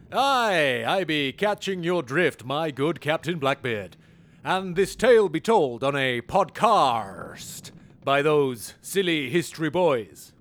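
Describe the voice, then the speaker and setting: A man's voice: a little high, big pitch swings, a bit bright, heavily acted. A man playing a jovial old sea dog who hosts a pirate call-in show, speaking in theatrical pirate talk. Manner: theatrical pirate speech, drawn-out delivery, playful. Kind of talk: comedy skit acting.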